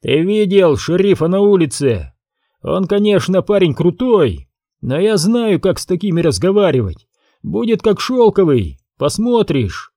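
A man's voice: high-pitched, very animated, measured pace, mellow, no echo, clean studio sound, voice pushed up, exaggerated voice. A man reading an audiobook, voicing a ruthless, domineering rancher boss who speaks in brusque commands.

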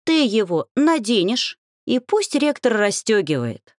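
Woman voicing a squealing young dryad girl, high-pitched, bossy, storybook friend. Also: very animated, a little slow, no echo, studio quality. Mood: scheming. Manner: shrill, indignant outbursts.

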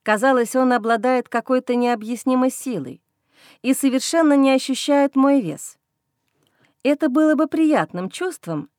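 A woman with a fairly high voice reads a first-person fantasy story aloud, expressive and ironic. The recording is dry and close, with no room sound. She reads in a steady storybook manner. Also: dry recording. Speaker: audiobook narrator.

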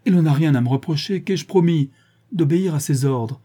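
A man's voice: mid-range voice, steady tone, moderate pace, dark tone, breathy edge, lightly acted. A man voicing an anxious, flustered middle-aged professor who protests agitatedly.

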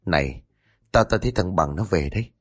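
A man voicing a blunt, nosy older village woman who talks in rapid, coarse, familiar chatter. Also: lowish voice, lightly acted. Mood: gossiping.

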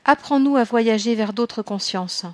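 A woman's voice: on the high side, measured pace, a little mellow, no echo, natural voice. A woman voicing a sly, menacing male spirit in an audiobook, with a threatening, scornful delivery.

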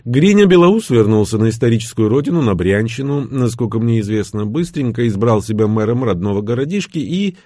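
A man's voice: medium pitch, expressive, a little fast, hardly any pauses, dark tone, no room sound, studio quality. A man reading a first-person thriller audiobook in a wry, sardonic manner. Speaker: audiobook narrator.

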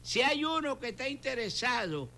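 Fervent older Puerto Rican pastor, gravelly. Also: male voice, very high voice, big pitch swings, normal speed, sharp tone, slight background noise. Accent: Puerto Rican Spanish. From Puerto Rico. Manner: fervent, repeats phrases, acts out quoted dialogue. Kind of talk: preaching testimony in a talk show.

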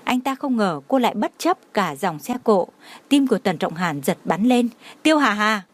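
A woman narrating an emotional audio story in a steady, dramatic reading manner. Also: medium pitch, moderate pace.

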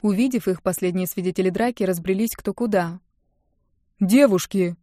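A woman calmly narrates a first-person audiobook. Her voice sits at an ordinary middle pitch. The sound is dry, with no room echo. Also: fast talker.

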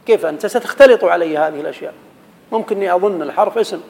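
A man's voice: high-pitched, racing, creaky, a little mellow, big-room sound, low-quality recording. A man teaching an Arabic grammar lesson, quizzing his students and reciting verse. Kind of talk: classroom lesson.

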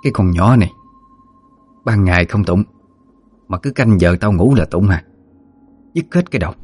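A man's voice: on the low side, expressive, a little fast, a little mellow. A man voicing an irritable old mistress of the house who grumbles, in a storybook reading. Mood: irritable grumbling.

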